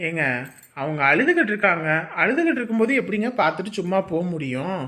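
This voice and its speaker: A man's voice: high-pitched, big pitch swings, quick pace, bright, forceful tone, full character voice. A man playing a nosy, well-meaning young man who pleads that he only meant to comfort. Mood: pleading. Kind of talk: web series acting.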